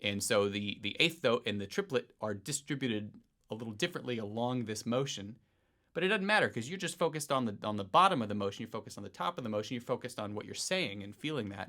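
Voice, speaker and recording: A man teaching a piano lesson, explaining rhythm in a relaxed way and counting beats aloud in a sing-song voice. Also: mid-range voice. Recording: faint piano music underneath. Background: piano playing.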